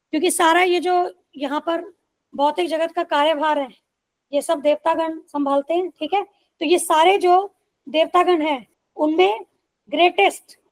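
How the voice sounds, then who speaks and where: High-voiced woman teaching scripture reading. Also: rough recording. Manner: patient, keeps checking in with listeners; reads English passages slowly and deliberately.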